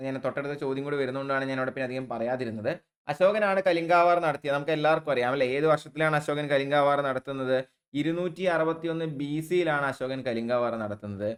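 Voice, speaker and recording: Man, Malayali accent, exam coaching teacher, online lesson, fast-paced, chatty, rhetorical prompts. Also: mid-range voice. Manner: fills gaps with "what do we do?" prompts, calls students children; chatty, informal asides.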